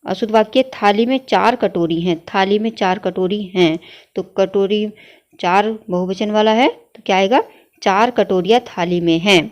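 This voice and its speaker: A woman teacher at a mid pitch, taking students through a grammar lesson. She calls her listeners children, reads each faulty sentence aloud and repeats it before giving the correct form in a patient, explaining manner. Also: moderate pace. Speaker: Hindi teacher.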